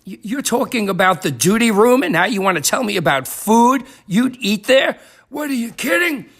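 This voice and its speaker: A man's voice: sits high, sing-song, normal speed, a bit bright, heavily acted. A man voicing an exasperated, pleading listener who keeps trying to stop a crude story. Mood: incredulous. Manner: pleading, incredulous.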